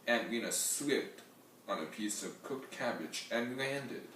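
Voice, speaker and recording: A man's voice: mid-range voice, expressive, slow, a bit bright, recorded from a distance, slight background noise. A man reading a picture book aloud expressively. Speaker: storybook reader. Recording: very echoey room heard from afar.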